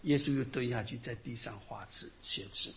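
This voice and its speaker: A middle-aged man, a pastor, preaching a sermon and telling Bible stories in an animated way. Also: mid-range voice, moderate pace, vocal fry. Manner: animated storytelling, acting out the people in the Bible stories.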